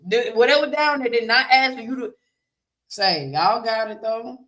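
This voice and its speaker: A podcast co-host with a slightly high, somewhat bright voice speaks at normal speed in a casual chat. She laughs often and drives her points home through emphatic repetition.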